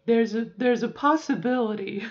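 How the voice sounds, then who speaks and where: A woman's voice: on the high side, normal speed, muffled recording. Rambling chatty woman in her forties. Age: 40s. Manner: rambling, self-correcting, chatty. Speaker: vlogger. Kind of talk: casual advice monologue.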